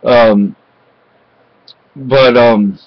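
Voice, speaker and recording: A middle-aged Spanish vlogger chats casually into a close-range webcam in a cluttered room at home. His medium-pitched voice has fairly even intonation, and he rambles haltingly with many fillers, pauses and restarts. The recording is dry, dull and lo-fi.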